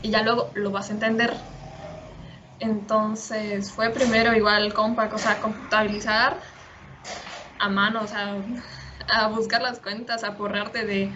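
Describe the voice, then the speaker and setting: A woman guest on a podcast, explaining her work calmly and in a measured way. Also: mid-range voice. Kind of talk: casual podcast chat. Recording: muffled audio with background noise.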